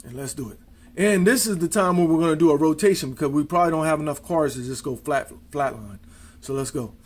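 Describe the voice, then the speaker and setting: A man's voice: fairly high pitch, fast, a little mellow. A man casually demonstrating card tricks, counting cards aloud in easygoing, folksy showman patter.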